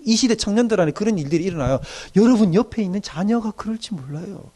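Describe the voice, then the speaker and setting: Animated middle-aged male pastor preaching. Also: high voice, quick pace. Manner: animated, acts out quoted young people in dialect. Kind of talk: sermon lecture on doctrine.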